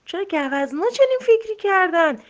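A woman voicing a wise old male lion in a storybook, asking calm questions. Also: extremely high pitch, lo-fi sound, pitched above the performer's own voice.

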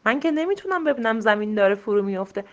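A woman doing a calm, wise old lion. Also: on the high side, muffled recording, natural voice.

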